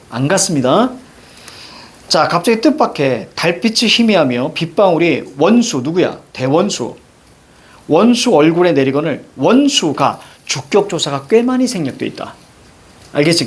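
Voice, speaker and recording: A male teacher giving a brisk literature lecture, directing students and firing quick questions at them. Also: fairly high pitch, breathy edge. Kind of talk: classroom lecture.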